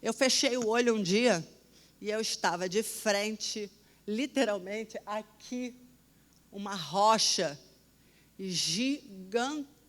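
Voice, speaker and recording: A woman telling a personal testimony in an animated, dramatic way, often dropping to a hushed voice. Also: medium pitch, slow. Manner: animated, dramatic storytelling with sudden drops to a hush. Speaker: storyteller.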